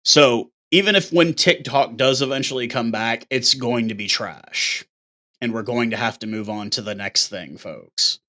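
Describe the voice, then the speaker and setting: Guy ranting straight to camera, blunt and a bit sweary, bright forceful tone. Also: medium pitch, normal speed. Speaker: show host. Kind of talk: casual monologue.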